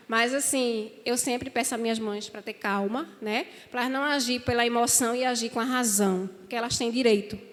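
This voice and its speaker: A woman speaking to a church audience in a warm, conversational way, often checking in with "né?". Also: sits high. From Brazil. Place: church hall. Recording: reverberant hall.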